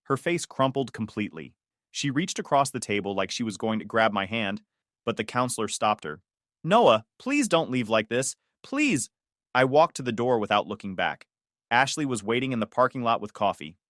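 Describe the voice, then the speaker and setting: A man narrating a first-person story in a measured, cool tone. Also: on the low side, lively intonation, a bit bright, dry recording, clean studio sound.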